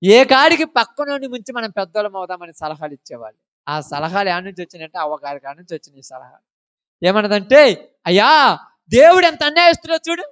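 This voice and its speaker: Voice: mid-range voice, lively intonation, fast talker, fairly bright tone, smooth. A preacher, delivering a sermon and firing rhetorical questions at the congregation.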